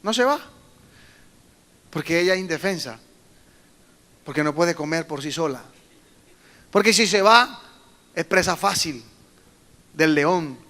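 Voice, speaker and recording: High bright-voiced pastor preaching. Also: male voice, measured pace, pauses often. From Colombia. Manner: animated storytelling, acts out quoted voices, emphatic bursts. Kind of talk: sermon to a youth meeting.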